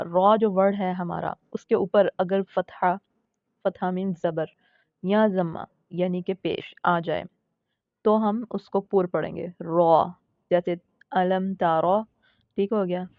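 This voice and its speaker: A woman teaching a tajweed lesson, patiently explaining recitation rules, repeating her points and slowly sounding out example words. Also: mid-range voice, no room sound, dull audio. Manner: patient, repeats points and checks in with "theek hai".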